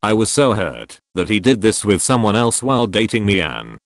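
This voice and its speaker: A man narrating an online post aloud in a steady, even read-aloud delivery, as a channel's voice-over. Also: lowish voice, moderate pace, no room sound, studio quality. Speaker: channel narrator reading posts.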